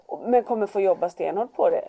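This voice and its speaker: A woman with a mellow, dark-toned voice in casual conversation. She reflects thoughtfully and agrees readily. Her pitch is mid-range. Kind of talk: casual chat.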